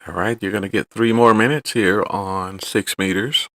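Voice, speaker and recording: A man calling CQ over the air as a contesting ham radio operator, reading his call sign in the phonetic alphabet in a loud, sing-song repeated ham radio call. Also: on the low side, steady tone, moderate pace, dry recording.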